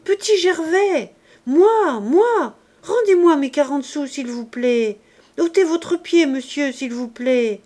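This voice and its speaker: A woman voicing a small Savoyard boy who pleads, cries and shouts for his coin in an audiobook reading. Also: expressive, takes it slowly. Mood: shrill, tearful. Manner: high, pleading, then shouting.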